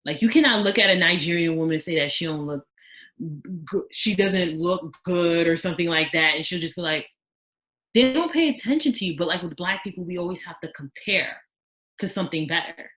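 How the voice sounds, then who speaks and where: Appearing as a podcast guest, a young woman of Haitian background talks casually in a lowish, fairly quick voice. She is outspoken and animated, acting out the voices of the people she quotes.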